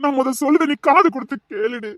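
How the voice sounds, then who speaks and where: A man's voice: very high voice, fast talker, sharp tone, no echo. A man voicing a guilt-ridden young man who earnestly urges his beloved to hear his confession, in an audio drama. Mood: urging. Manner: earnest, urging, addresses her intimately.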